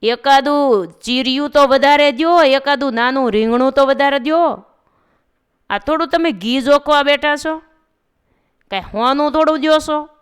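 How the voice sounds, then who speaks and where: A woman's voice: smooth, natural voice. A woman playing an indignant village woman bargaining. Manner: shrill, scolding complaint. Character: indignant village woman haggling over vegetables.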